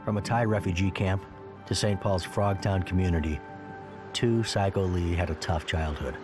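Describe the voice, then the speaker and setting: A man narrating a documentary in a measured, informative scripted read. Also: sits low, music in the background.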